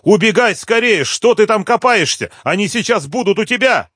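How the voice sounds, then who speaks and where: Shrill frantic woman yelling a warning, man reading, very high, dry close sound. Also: animated, normal speed, dry recording. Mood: panicked shouting. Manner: shrill, screaming.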